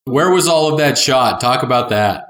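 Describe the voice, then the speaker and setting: A man's voice: medium pitch, lively intonation, moderate pace, a bit bright. Man hosting a podcast in an echoey room. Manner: affirming, complimentary interviewer. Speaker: podcast host. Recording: roomy echo.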